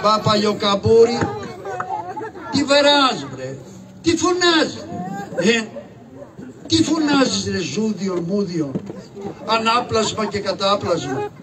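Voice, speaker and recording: A man's voice: high voice, animated, a crowd in the background. A man voicing Karagiozis, a scrappy poor hunchback trickster in a live shadow puppet show, brash and full of mocking curses. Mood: mocking cursing. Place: live show before an audience. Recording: distant live stage recording with audience noise.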